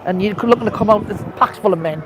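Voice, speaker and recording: A woman's voice: mid-range voice, quick pace, crowd noise. A woman co-hosting a casual live stream outdoors, chatting and laughing easily. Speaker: co-host. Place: outdoors in a seaside town.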